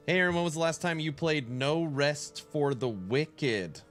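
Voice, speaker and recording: During a casual live stream, a man playing a game reads out and answers chat questions in a relaxed way, sounding nasal from a cold. His voice is on the high side and a little slow, and faint music plays in the background.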